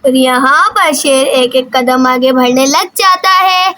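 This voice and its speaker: A woman narrates a children's doll story in plain, lively sentences. Her voice sits very high. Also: slow, dry recording.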